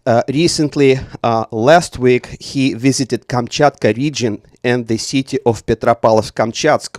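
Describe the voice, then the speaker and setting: A man hosts a live radio show at a middle pitch. He speaks formally and pauses on many fillers. The recording is dry and close, from a small studio. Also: no room sound. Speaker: radio host.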